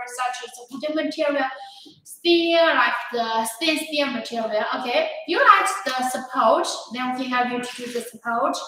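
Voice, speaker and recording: A woman's voice: high voice, bright, forceful tone. A young woman presenting products on a livestream demo, upbeat and greeting viewers by name. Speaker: sales presenter. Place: large echoey warehouse showroom. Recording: echoey room, faint background noise.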